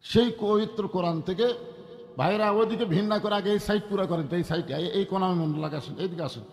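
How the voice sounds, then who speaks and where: Male preacher, high-pitched, leads crowd chants, long PA echo, outdoor waz gathering. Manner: calls for crowd responses, chanting slogans; rises to loud drawn-out chanted peaks. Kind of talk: Islamic waz sermon to a crowd.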